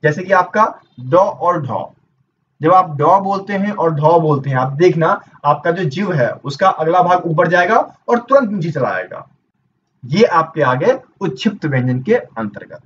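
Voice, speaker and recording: A fairly high-voiced man teaches an exam-prep grammar lesson, posing questions and answering them himself as he works through each point. He sits some way from the microphone. The sound is a little dull, with a faint hiss behind him. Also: animated, a little slow, fairly bright tone. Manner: explains step by step, asks and answers his own questions. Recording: dull distant mic with faint noise.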